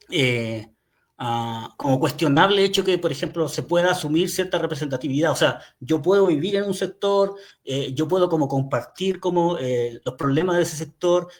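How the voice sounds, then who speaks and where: A man with a Chilean accent, a guest poet on a video call, answering thoughtfully with many pauses, fillers and restarts. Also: a little high. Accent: Chilean Spanish. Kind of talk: reflective interview answer. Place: home, remote video call.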